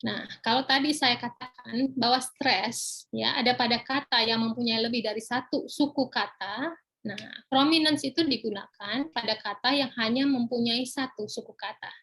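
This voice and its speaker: A woman with a voice on the high side and a bit bright teaches a pronunciation lesson over webinar. She drops "ya" and "nah" into nearly every phrase and slows down when giving English example phrases.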